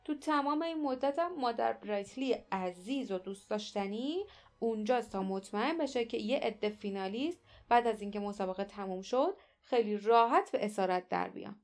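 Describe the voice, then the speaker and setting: A woman's voice: on the high side, big pitch swings. A woman voicing a determined young man, the hero, speaking with clenched anger. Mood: resentful. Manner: clenched, resentful.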